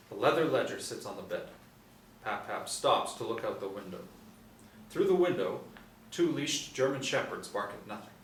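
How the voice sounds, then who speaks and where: Reading stage directions aloud as narrator, a middle-aged man takes part in a screenplay table reading in a small indoor room. His fairly low voice has a fairly bright tone, recorded roomy from a distant mic with some light room noise.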